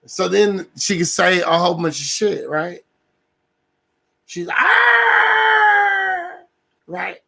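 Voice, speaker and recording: A man's voice: high-pitched, fairly even intonation, measured pace, creaky, long pauses, fairly bright tone. A man hosting a livestream, rambling and profane, who keeps checking in with "right?" as he lays out an idea. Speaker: livestream host. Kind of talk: casual livestream rant.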